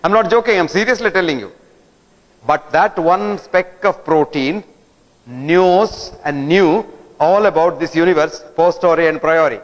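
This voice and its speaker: A man's voice: fairly high pitch, a little slow. A man giving a didactic lecture, often throwing rhetorical questions at the audience. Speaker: guest lecturer. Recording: long hall reverb.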